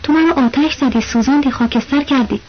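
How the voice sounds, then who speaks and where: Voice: high voice, lightly acted. A reader putting on a coy young village woman. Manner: coy, teasing, mock-humble. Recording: dull lo-fi audio.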